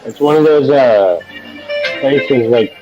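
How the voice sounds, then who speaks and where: A man's voice: mid-range voice, slow pace, highs cut off, over music, a crowd in the background. A man hosting a live stream, chatting casually with loose, profane banter.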